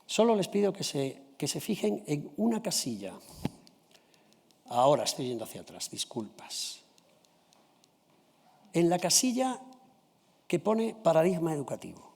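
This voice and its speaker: A man's voice: fairly high pitch, big pitch swings, gravelly, darkish tone, breathy edge. Spanish man lecturing in an echoing hall. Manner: addresses the audience politely, checking in with a quick "¿sí?" or "¿vale?". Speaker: conference speaker presenting a comparative study. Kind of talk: formal conference presentation.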